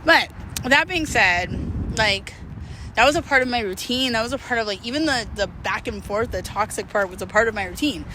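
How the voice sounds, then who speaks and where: Against a noisy background, a woman with an animated voice on the high side speaks fairly quickly. She's a vlogger chatting candidly to camera in a confessional way, wandering off topic, running herself down and swearing freely.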